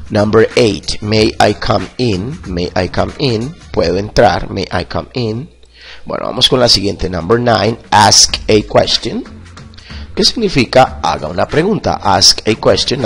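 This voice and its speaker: A man teaching English vocabulary in Spanish. He says each classroom phrase slowly, repeats it, and then translates it. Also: on the low side, vocal fry, a bit bright. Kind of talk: bilingual vocabulary lesson.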